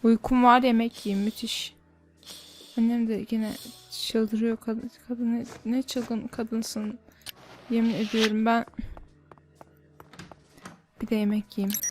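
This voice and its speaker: High-voiced, unhurried woman gaming commentator. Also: flat delivery, a little hiss or hum. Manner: grumbling, exasperated running reactions. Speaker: gaming YouTuber. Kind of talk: casual gameplay commentary.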